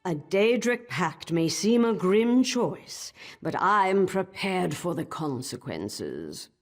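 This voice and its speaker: A woman voicing an imperious old wizard master in a fantasy game, husky, formal and haughty in a measured delivery. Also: fairly low pitch, very animated, full character voice. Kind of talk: fantasy game dramatic acting.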